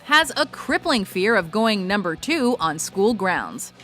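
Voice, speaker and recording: A woman's voice: mid-range voice, big pitch swings, measured pace, bright, forceful tone. A woman reading scripted countdown narration about films in a playful, punchy way. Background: music bed.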